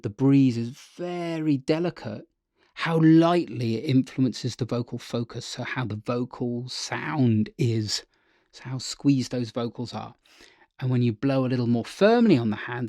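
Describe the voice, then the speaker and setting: A man's voice: mid-range voice, mellow, no echo, clean studio sound. A man teaching a singing lesson as a vocal coach, upbeat and chatty, checking in with the listener often.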